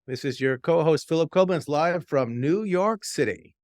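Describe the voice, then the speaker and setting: A man's voice: fairly high pitch, expressive, normal speed, darkish tone, no room sound, clean studio sound. A man co-hosting a podcast, dropping in joking, teasing remarks. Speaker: podcast co-host.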